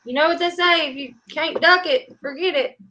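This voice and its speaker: A woman hosts a casual live show, excitable and teasing. Her voice sits a little high and sounds very bright and forceful. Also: slight background noise, rough recording.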